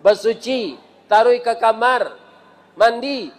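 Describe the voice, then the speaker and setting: High-voiced Minangkabau preacher, unhurried. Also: male voice. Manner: lively storytelling with frequent rhetorical questions. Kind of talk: sermon. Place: mosque.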